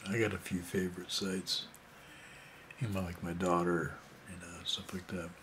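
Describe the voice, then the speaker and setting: Man, 60s, casual storytelling, rambling with lots of fillers, low-pitched, faint noise. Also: flat delivery, moderate pace. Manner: rambling, loose, with many fillers and asides. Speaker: vlogger.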